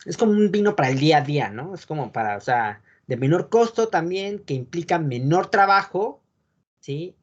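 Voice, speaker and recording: A man teaching an online wine course over a video call, explaining patiently and often checking in with quick tag questions. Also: a little high, animated, lo-fi sound. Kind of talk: online class lecture.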